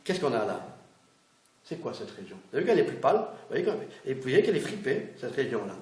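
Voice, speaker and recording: A man's voice: medium pitch, sing-song, fast, darkish tone. A middle-aged man leads a hands-on massage class, chatty and checking in with his students. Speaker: massage instructor. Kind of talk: hands-on teaching demonstration. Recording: roomy echo, faint background noise.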